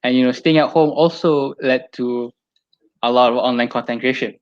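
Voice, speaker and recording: A man's voice: medium pitch, steady tone, moderate pace. A young man with a Malaysian accent chatting casually as a podcast co-host, often repeating his phrases. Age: young adult. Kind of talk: casual chat. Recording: slightly dull lo-fi audio.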